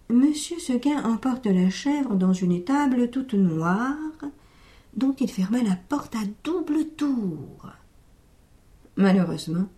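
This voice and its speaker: A woman telling a story aloud in a gentle, measured, expressive reading. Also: on the high side.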